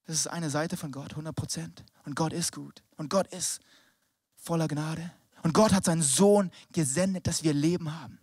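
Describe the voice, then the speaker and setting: A young male preacher with a high voice, giving a casual youth sermon that drops to near-whispers and then climbs into shouted exhortation. His German is slangy and sprinkled with English words. The sound is dry and close. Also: fairly even intonation, moderate pace, husky, dry recording.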